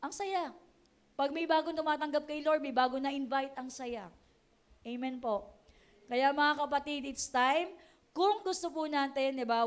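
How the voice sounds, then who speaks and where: A woman pastor with a Filipino accent, preaching in a chatty, conversational way and often asking her listeners to agree. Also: high-pitched. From Philippines. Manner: chatty, keeps asking the congregation "di ba?", laughs often; mixes English phrases into Tagalog. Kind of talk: conversational sermon.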